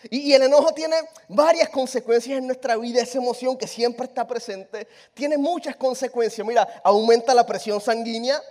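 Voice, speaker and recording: A man preaching a lively, humorous sermon, telling stories and asking the congregation rhetorical questions. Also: very high-pitched, normal speed, few pauses.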